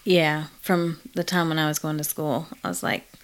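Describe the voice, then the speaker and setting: Middle-aged woman, low-pitched, reflective interview guest who pauses often. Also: fairly even intonation. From Malawi. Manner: reflective, frequent ums and laughs. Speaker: therapist in private practice. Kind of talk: casual interview conversation.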